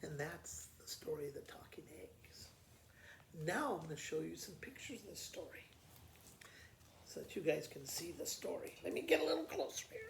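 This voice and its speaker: A school principal reads a children's story to his pupils, retelling it simply and conversationally and explaining it informally as he goes. His voice is on the high side and sing-song with vocal fry, at a moderate pace, in a room with roomy echo and faint background noise.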